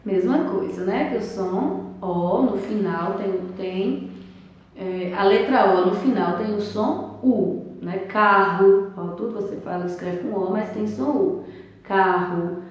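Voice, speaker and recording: A woman with a Brazilian Portuguese accent, teaching a primary school lesson, slow and emphatic, stretching key words. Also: medium pitch, mellow. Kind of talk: remote lesson walkthrough. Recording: echoey room, voice far from mic.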